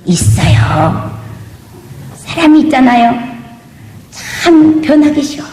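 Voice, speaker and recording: In an echoey church sanctuary, a woman pastor delivers an emphatic testimony sermon in a high, sing-song, slow and mellow voice, with a little hiss or hum on the recording. She asks the congregation "do you believe?" and sometimes slips into sung intonation.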